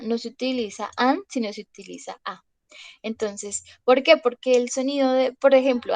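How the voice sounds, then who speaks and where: Slow, patient woman teacher. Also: on the high side, dry recording, poor audio. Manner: slow, repeats "¿listo?" to check understanding. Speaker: English teacher. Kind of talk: online class explanation.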